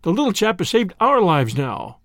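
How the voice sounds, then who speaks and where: A man reading aloud and voicing a big, gruff grown man who speaks low. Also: very animated, moderate pace, fairly bright tone, dry recording, clean studio sound, full character voice. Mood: relieved.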